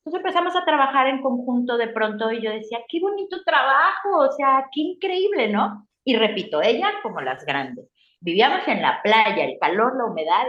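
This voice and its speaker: Animated Mexican woman telling her story. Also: medium pitch. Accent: Mexican Spanish. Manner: animated, acts out her own past reactions. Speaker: guest. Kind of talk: casual storytelling interview. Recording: roomy, slightly dull sound.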